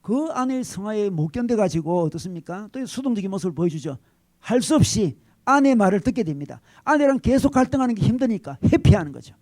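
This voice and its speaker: A man preaching a sermon as pastor, acting out quoted lines with sudden swings between loud and soft. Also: high voice, very animated, a little fast, no room sound.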